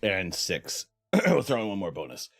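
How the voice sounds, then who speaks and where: Low, lively man streaming casually. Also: normal speed, soft background music. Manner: chatty, thanking viewers, laughing and coughing while eating hot peppers. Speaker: livestream host. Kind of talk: casual live-stream chat.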